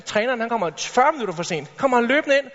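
A man giving an energetic motivational talk on stage, addressing the audience directly with rhetorical questions. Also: extremely high pitch. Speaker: motivational speaker. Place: large hall with a stage. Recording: reverberant hall, dull lo-fi sound.

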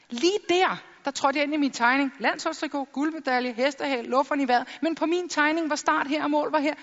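A middle-aged woman giving a lively stage talk full of jokes and acted-out quotes. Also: sits high, long reverb tail, highs cut off. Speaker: public speaker.

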